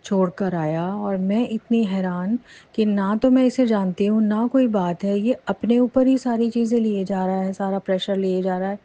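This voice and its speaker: Mellow-voiced woman telling a personal testimony. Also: mid-range voice, normal speed, dull audio. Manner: animated retelling with many fillers and restarts. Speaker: devotee sharing a testimony. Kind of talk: personal testimony, casual storytelling. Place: lives near Jaipur.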